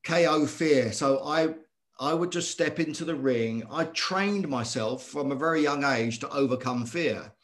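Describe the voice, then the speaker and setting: A middle-aged man, a former boxer telling his story as a guest in earnest, animated talk that circles back on itself. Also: fairly high pitch, unhurried. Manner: earnest, animated, repeats himself. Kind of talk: conversational storytelling.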